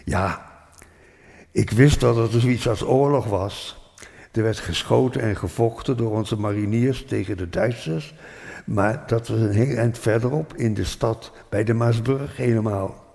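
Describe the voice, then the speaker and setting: An older man from Rotterdam telling a childhood memory in a thoughtful, unhurried way, pausing with hesitant fillers. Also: lowish voice, creaky, warm tone. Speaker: storyteller. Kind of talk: reflective spoken memoir. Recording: long hall reverb.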